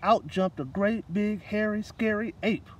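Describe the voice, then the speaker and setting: Outdoors at a park table, a middle-aged man reads a picture book for children as a guest. He speaks in a high voice at an unhurried pace, picked up by a distant mic along with light outdoor noise.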